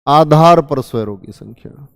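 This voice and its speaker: A man's voice: a little high, expressive, a little slow, vocal fry, clear, resonant tone, no echo, clean studio sound, in a large hall. A male teacher giving an exam-prep grammar lesson, asking his students questions and then answering them himself. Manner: calls listeners children. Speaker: Hindi teacher.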